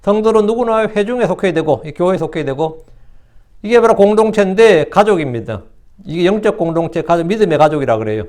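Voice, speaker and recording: Man, pastor, sermon, rapid delivery, high-pitched, conversational, rhetorical questions, mocking voices. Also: expressive, a little mellow. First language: Korean. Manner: conversational preaching, quick asides and rhetorical questions; acts out mocking voices of scoffers.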